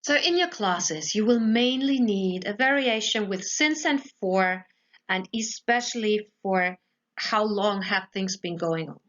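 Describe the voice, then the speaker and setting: A woman's voice: medium pitch, a little slow, fairly bright tone, highs cut off. A woman, an English teacher explaining grammar patiently step by step, often checking in with her pupils. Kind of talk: recorded grammar lesson for pupils.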